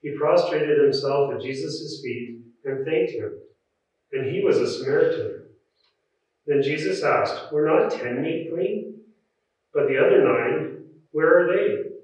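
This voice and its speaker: Man, heavy cathedral echo, distant from the mic, solemn scripture reading, measured delivery. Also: a little high, a little mellow. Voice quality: echoing cathedral-like sound. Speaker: scripture reader at a church service. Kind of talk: formal liturgical scripture reading. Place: large reverberant church. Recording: very echoey church, distant muffled mic.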